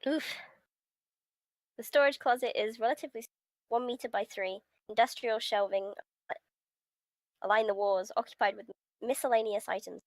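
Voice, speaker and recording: A woman streamer reads a visual novel aloud on a live stream, giggling and stepping away from the script for casual reactions. Her voice is a little high and steady in tone, at a moderate pace with frequent pauses, and the recording is dry.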